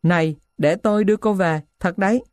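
A woman's voice: mid-range voice, fairly quick, a little mellow, no echo, studio quality, lightly acted. A woman voicing a moody, sarcastic teenage boy in an audiobook, speaking bluntly and with exasperation. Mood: fed up.

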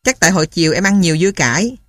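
A man reading a story and voicing a calm young pregnant woman. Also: high-pitched, racing, no room sound, studio quality. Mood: reassuring.

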